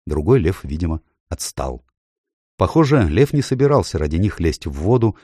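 A man reading a children's fantasy story aloud as an expressive narrator. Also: low-pitched, moderate pace, breathy edge, dry recording, studio quality. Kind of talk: audiobook reading.

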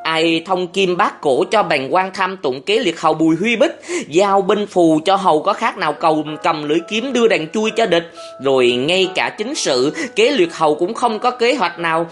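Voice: mid-range voice, expressive, faint music behind, voice pushed up, lightly acted. A narrator voicing a young male scholar-aide who speaks in bitter, heated outbursts in an audiobook. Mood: indignant. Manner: heated, raised voice, fast outbursts. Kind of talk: audiobook character voice.

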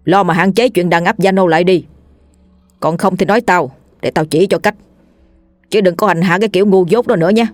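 A man's voice: high-pitched, fairly quick, natural voice. A man playing a bossy threatening canton chief. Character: domineering colonial-era canton chief.

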